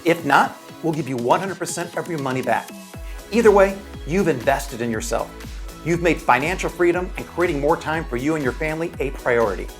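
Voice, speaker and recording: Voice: medium pitch, expressive, a little fast, soft background music. A narrator reading a scripted promotional voice-over, reassuring and answering doubts. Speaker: sales pitch narrator.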